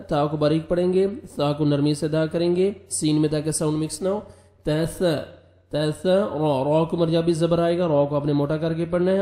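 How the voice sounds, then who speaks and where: A man's voice: on the high side, mellow. Man teaching Quran recitation, echoey room. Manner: quick explanations, slow drawn-out recitation. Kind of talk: tajweed recitation lesson.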